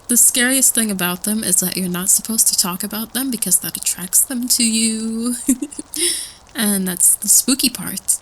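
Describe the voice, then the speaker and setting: Playing a jittery student in an audio roleplay, a woman rambles hesitantly and casually through spooky folklore around a campfire, repeating herself out of nervous excitement. Her voice is a little high and fairly bright. The low-quality recording carries some hiss or hum.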